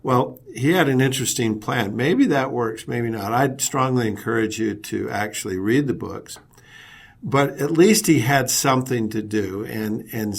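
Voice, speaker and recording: A man's voice: mid-range voice, creaky, slightly rough. A man presenting a business webinar as a leadership consultant, telling anecdotes and often repeating words as he restarts.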